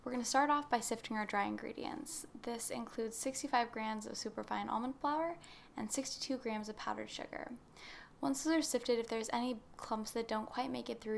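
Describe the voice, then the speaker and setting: Gravelly-voiced woman guiding a baking recipe. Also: fairly high pitch, slight background noise. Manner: friendly step-by-step instruction. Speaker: baking channel host. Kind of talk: scripted recipe voice-over.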